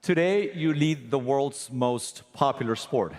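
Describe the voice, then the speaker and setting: A man's voice: mid-range voice, measured pace. A man moderating an onstage interview at a large forum, friendly and chatty, switching languages with ease. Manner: warm, friendly and talkative, switching languages easily. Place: stage of a large forum hall.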